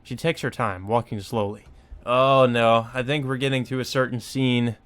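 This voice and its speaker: This let's play host speaks at a normal speed in a steady, mid-range voice with a clean, fairly bright tone. He reads visual novel narration and adds informal, sometimes profane asides over game music.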